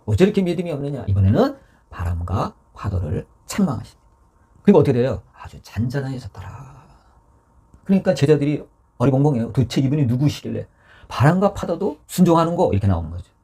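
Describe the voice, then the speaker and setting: A man preaches in a church with a very husky, mellow voice. His pitch swings widely as he acts out voices from scripture. At times he falls to a whisper to drive a point home. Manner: animated preaching, acting out scripture voices, dropping to whispers for emphasis. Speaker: pastor. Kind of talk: sermon.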